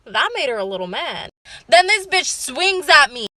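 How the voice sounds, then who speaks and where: A young woman telling a casual story-time monologue, lively and emphatic and swearing freely. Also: high-pitched, normal speed, no room sound.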